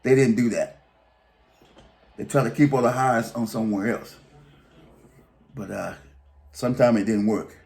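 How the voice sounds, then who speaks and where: A man's voice: medium pitch, steady tone, measured pace, vocal fry, pauses often, a little mellow. A man telling a long story in a casual, rambling, colloquial way, often restarting his sentences. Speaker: vlogger.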